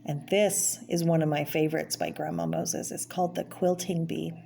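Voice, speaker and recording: A woman with a deep, warm, level voice marked by vocal fry reads a picture book aloud for children. She pauses to name the pictures and comment on them in casual explanatory asides. A little hiss or hum runs underneath.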